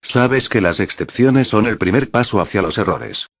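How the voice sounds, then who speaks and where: A man voicing a calm, commanding young woman who speaks softly and in a measured way in an audiobook reading. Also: fairly low pitch, slightly rough, dry recording. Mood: serene, warning. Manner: soft, measured, quietly authoritative.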